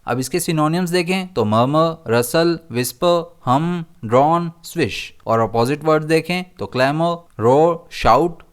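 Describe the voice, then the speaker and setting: A man teaching English vocabulary for exam prep, reading English definitions slowly in an Indian accent and then explaining them in Hindi. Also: a little high.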